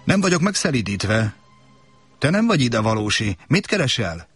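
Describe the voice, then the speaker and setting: A man voicing a wise, wistful and lonely fox in a storybook reading, with a gentle, pleading tone. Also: medium pitch, sing-song, slightly rough, soft background music, pitched above the performer's own voice. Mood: earnest.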